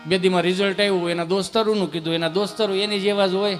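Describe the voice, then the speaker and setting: Man, live folk comedy storytelling, high voice, repeats phrases for punch, guitar music behind. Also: fast. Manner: animated, repeats phrases for punch, bursts into loud exclamations. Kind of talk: live dayro comic storytelling. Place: live stage show.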